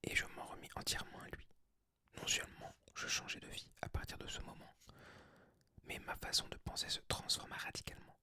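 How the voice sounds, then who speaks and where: A person of unclear sex reads a book aloud for ASMR in a hushed library whisper. The voice is breathy and unvoiced, with a bright, crisp edge. The delivery stays soft throughout. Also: brisk. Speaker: ASMR creator reading aloud.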